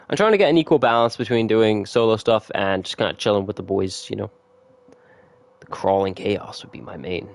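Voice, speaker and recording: A man chatting casually with viewers on a gaming livestream, laid-back and quick to laugh. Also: lowish voice. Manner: relaxed, chatty, laughs often, reads notes aloud. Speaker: streamer.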